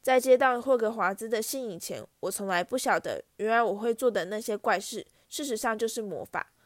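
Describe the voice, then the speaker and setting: A woman's voice: on the high side, a little fast, dry recording, clean studio sound, natural voice. A woman voicing an eager, pleading young schoolboy in a storybook reading, his words tumbling out. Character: eager skinny young boy photographer.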